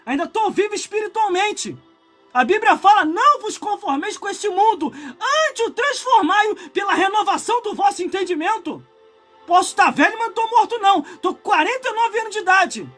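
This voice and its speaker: Brazilian pastor in his 40s, live-streamed sermon, pitched high, fervent and prone to shouting, quiet music underneath. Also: animated, moderate pace. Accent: Brazilian Portuguese. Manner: impassioned preaching that swells into shouts, broken by chatty asides to viewers.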